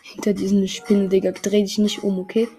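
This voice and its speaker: A woman's voice: mid-range voice, little pitch movement, brisk, mellow, faint music behind. A young woman in casual gameplay chat, talking another player through a game in a reassuring, slangy way. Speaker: player coaching another gamer.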